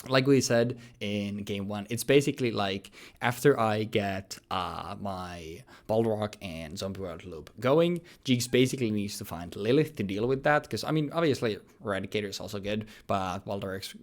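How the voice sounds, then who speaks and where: Gravelly man in his late twenties. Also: lowish voice, moderate pace, few pauses. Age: 20s. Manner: joking, rambling, laughs often. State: losing his voice. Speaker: host. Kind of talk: casual gaming commentary.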